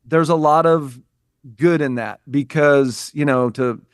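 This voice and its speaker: With a slightly high voice and measured pace, a U.S. business coach speaks earnestly and reflectively as a podcast guest in a conversational interview, often restarting and repeating phrases. The tone is clean, echo-free, and studio quality.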